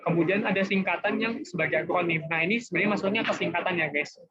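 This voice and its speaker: A fairly high-pitched young man explains grammar rules to students in a loose, chatty way. His keeps the lesson relaxed. The sound is dull and lo-fi, as over a video call. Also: quick pace, husky. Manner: chatty, informal, often says guys and gitu. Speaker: tutor. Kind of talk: casual online class explanation. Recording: dull lo-fi online class audio.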